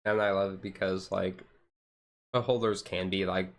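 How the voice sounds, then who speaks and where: A deep-voiced man hosts a relaxed ASMR chill livestream, talking at a moderate pace with flat delivery. His casual chat rambles, full of hedging "like" and "and stuff."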